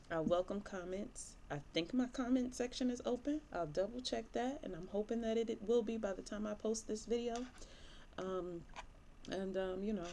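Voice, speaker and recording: This woman in her thirties speaks in a fairly low, slightly mellow voice, with a bit of hiss or hum in the audio. She's a licensed therapist from Michigan, USA, chatting to camera in a candid, rambling way full of fillers, and she sounds sniffly from allergies.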